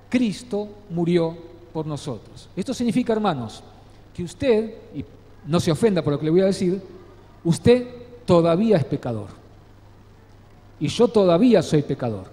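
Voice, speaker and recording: A pastor preaching a sermon, earnestly addressing the congregation and often asking rhetorical questions. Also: male voice, high-pitched, dark tone. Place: church sanctuary. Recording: long church reverb.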